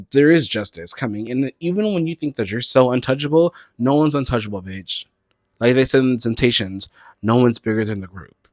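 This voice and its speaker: A man's voice: dry recording, studio quality. A man hosting a solo podcast with a campy, playful manner, speaking. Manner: campy, playful, swings between loud squeals and low murmurs. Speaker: podcast host.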